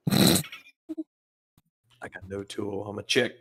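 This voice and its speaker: Low-voiced man playing a tabletop game. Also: fairly even intonation, slow pace, gravelly, a bit bright, husky. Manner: laid-back, working out his moves aloud. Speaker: player. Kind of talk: casual chat during a tabletop game.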